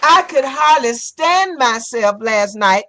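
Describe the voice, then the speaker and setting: High, bright, campy woman host. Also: expressive. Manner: campy, flamboyant, theatrical, with drawn-out endearments. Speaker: talk show host. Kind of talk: exuberant live talk radio chat. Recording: music and crowd noise behind. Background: music and cheering audience.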